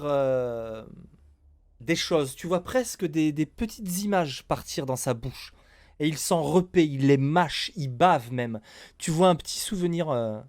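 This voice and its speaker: Slow, theatrical male game master. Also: a little high, a little mellow, no room sound, clean studio sound. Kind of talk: dramatic improvised narration of a tabletop role-playing game.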